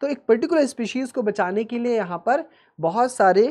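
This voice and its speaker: A man teaches in the style of a classroom video lesson and addresses his students affectionately as "beta." He keeps checking in with "theek hai" and slows down deliberately whenever he shifts into English phrases. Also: extremely high pitch, lively intonation, darkish tone. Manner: mixes Hindi with slow, careful English phrases.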